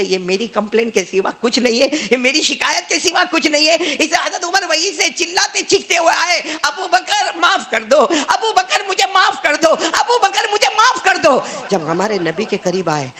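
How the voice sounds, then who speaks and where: Bright, gravelly male preacher. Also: sits high. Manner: animated storytelling, acting out voices and calling on the audience. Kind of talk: sermon.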